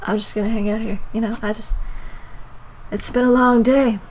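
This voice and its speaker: Goofy young woman gaming out loud. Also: fairly high pitch, steady tone, normal speed, slight background noise, low-quality recording. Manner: goofy, jokey, swings between mutters and yelps. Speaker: let's play gamer. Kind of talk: casual gameplay commentary.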